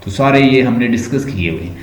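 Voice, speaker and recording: A man with a Pakistani Urdu accent teaching an online class, explaining slowly and repeating words to show how they sound. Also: medium pitch, expressive, roomy sound, low-quality recording.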